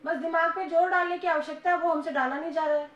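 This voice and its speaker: Woman teacher, high voice, classroom lesson; scolds and prods a silent class, echoey room. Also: fairly even intonation, quick pace, lo-fi sound. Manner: scolding, coaxing a quiet class to answer. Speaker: school Hindi teacher. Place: school classroom. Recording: echoey classroom with faint noise.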